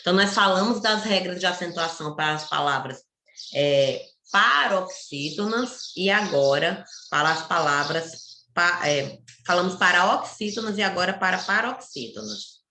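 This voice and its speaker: Woman teacher, Brazilian Portuguese accent, bright voice, echoey room. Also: on the low side, a little hiss or hum. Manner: slow, careful, explains step by step. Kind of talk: online lesson for children.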